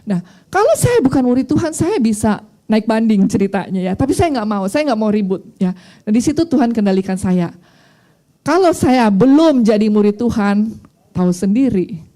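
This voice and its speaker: Middle-aged lady pastor, chatty sermon, kinda high but mellow voice. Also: very animated, moderate pace. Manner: conversational, personal storytelling with mixed English phrases.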